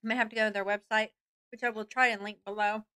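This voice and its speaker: A middle-aged woman giving a casual product review to camera, speaking informally and haltingly into a desk microphone. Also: medium pitch, little pitch movement, sharp tone, dry recording, clean studio sound. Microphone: desk microphone close in front, seen.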